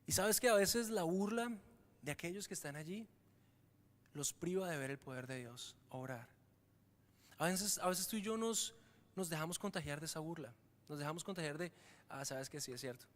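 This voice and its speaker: Preacher, male, high-pitched, lively sermon delivery that slips into mock voices; long church reverb. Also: moderate pace, long pauses. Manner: animated, acts out mocking voices of doubters. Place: church hall.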